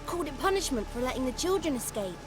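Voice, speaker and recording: An actor voices a small, nervous, cheeky male goblin who tells his story in a folksy, rustic way, sounding fretful. His very high voice is sing-song and quick-paced, and the game audio carries loud music.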